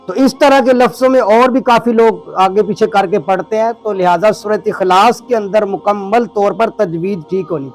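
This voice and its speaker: A man from Pakistan teaching prayer recitation with a Pakistani Urdu accent, slowing down to pronounce words syllable by syllable. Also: high voice, darkish tone. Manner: slows down to spell out words syllable by syllable. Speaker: religious teacher. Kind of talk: recorded lesson on prayer recitation.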